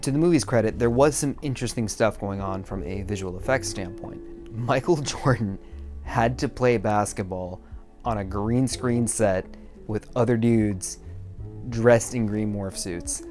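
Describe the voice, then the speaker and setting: Here the same kind of drunken video essay host, a young man, sounds lowish, a little slow and darkish in tone. Music plays behind him as he rambles casually, swears, and makes fun of himself.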